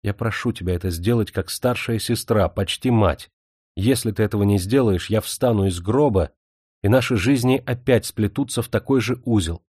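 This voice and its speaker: A young woman torn by jealousy and despair pleads with her younger sister in a low, warm voice, voiced by a male audiobook reader. Her lines come out anguished and urgent. The sound is dry and close. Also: moderate pace, slightly rough, no room sound.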